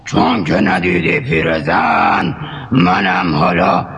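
A man voicing an old male lion in a children's audio story, shouting in a gravelly voice. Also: low-pitched, wildly swooping pitch, exaggerated voice. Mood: bellowing. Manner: shouting, menacing.

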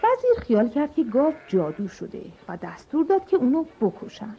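A woman narrating a children's storybook, expressive and addressing the kids. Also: high-pitched, vocal fry, slight background noise. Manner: animated, expressive. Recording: dull lo-fi audio with music.

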